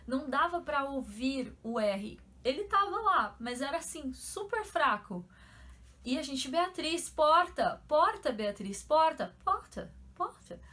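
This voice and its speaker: Young woman, São Paulo accent, casual vlog explainer, animated and chatty, slightly high voice. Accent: São Paulo Portuguese. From São Paulo, Brazil. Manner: chatty, animated, uses lots of fillers. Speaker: YouTuber.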